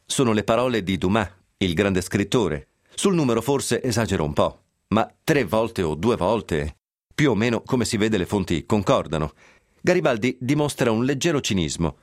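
A man's voice: on the low side, no echo, clean studio sound. A man reading a scripted history piece on the radio, telling it with a wry, ironic edge and sly asides. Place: radio studio.

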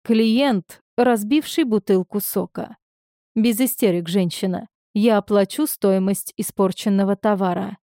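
A woman's voice: medium pitch, a little slow, mellow, no room sound, studio quality, lightly acted. A woman voicing an angry, domineering young man who speaks in curt commands. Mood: commanding.

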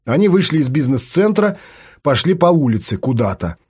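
Lively husky male audiobook narrator. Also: a little high, normal speed. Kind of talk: scripted narration.

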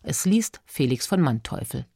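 A woman giving a scripted summary as a radio announcer in a calm, informative way. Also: rumbling low, moderate pace, creaky, breathy edge, no room sound, clean studio sound.

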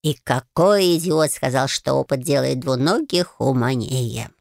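A woman voicing a grumpy, sarcastic male cat familiar who drawls his mocking remarks in a gravelly voice. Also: very deep voice, unhurried, a little mellow, no room sound, studio quality, full character voice. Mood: grumbling. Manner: mocking, exasperated.

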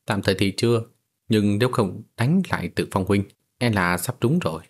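Male narrator reading an unflappable young swordsman, composed, low husky tone. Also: moderate pace. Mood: calm. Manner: composed, matter-of-fact.

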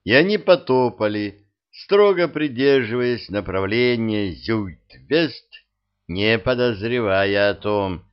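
Slow, measured male audiobook narrator. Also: on the low side, lively intonation, clean tone. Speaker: audiobook reader. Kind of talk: storybook narration. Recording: dull lo-fi audio.

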